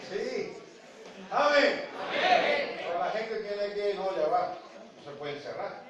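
A Venezuelan man preaches with a very high-pitched voice, bursting into sound effects and shouted vendor calls. He is picked up from across an echoing church hall. The congregation can be heard around him. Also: slow, distant mic, dull audio, a crowd in the background. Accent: Venezuelan Spanish. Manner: animated, full of boxing and street-vendor sound effects. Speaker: pastor. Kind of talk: lively sermon. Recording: echoey church hall, voice from afar, congregation audible.

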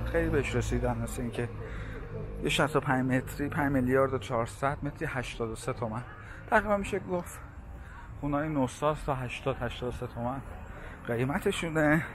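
A man giving a chatty walking-tour narration, pointing out sights and reading out prices as he walks. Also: medium pitch. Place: busy city streets outdoors. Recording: street noise outdoors. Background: traffic noise.

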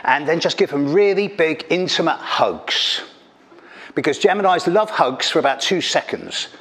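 On an event hall stage, a middle-aged man from England performs stand-up as an astrologer, holding a mic and serving up caustic, teasing, punchy jokes. He speaks at a moderate pace in a slightly high, expressive, somewhat bright voice.

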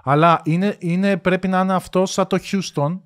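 A man's voice: high voice, steady tone, smooth. A young man in casual podcast chat, explaining at length with frequent restarts. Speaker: podcast co-host.

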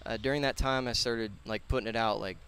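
Out on a concrete patio, a young man in his twenties, a personal trainer and gym owner, talks earnestly and casually as an interview guest, rambling and using slang into a headset mic. His medium-pitched voice is steady, fairly quick, a bit bright and smooth.

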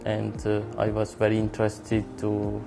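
A man's voice: on the low side, monotone, moderate pace, gravelly. A man giving a plain, somewhat hesitant interview testimonial in a small studio. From Italy. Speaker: training course participant. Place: indoor studio with grey backdrop. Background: music bed.

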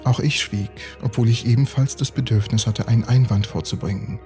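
A man reading a bedtime story as a calm, even storyteller. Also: medium pitch, fairly quick, music in the background. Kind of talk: scripted bedtime story narration.

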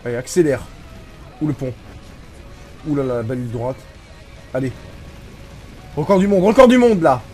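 A man from France giving casual, excitable commentary over his racing game, swearing and mocking himself. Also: mid-range voice, normal speed, long pauses. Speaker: gaming YouTuber. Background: game music.

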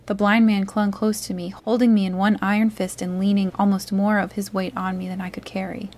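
A woman reads a classic adventure novel aloud at an unhurried, calm pace. Her delivery is soothing and even, meant to relax the listener. She sits in a medium-pitched middle register. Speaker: storyteller.

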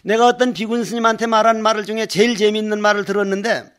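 Folksy Korean monk, high-pitched older man. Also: level tone, fast, fairly bright tone. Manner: folksy storytelling, acts out dialect voices, emphatic repetition. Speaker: Buddhist monk giving a dharma talk. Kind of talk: sermon.

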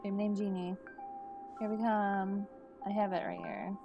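She talks at a medium pitch and normal speed with a flat delivery, and the audio is dull. A woman in her thirties sits at a desk in her home room with a headset, sniffly and stuffed up from allergies, casually chatting and thinking aloud as she plays a life-simulation game with its music underneath.

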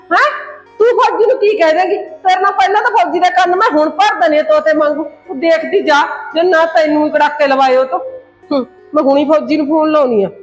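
A woman's voice: sits high, close to an everyday voice. A woman playing a scornful elder sister-in-law who threatens and schemes in a family drama.

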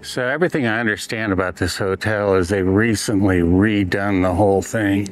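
A man casually narrating a travel vlog as he walks around, relaxed and unhurried. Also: lowish voice. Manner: relaxed, unhurried commentary while walking around. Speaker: travel vlogger. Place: walking around a train station and hotel, indoors and outdoors.

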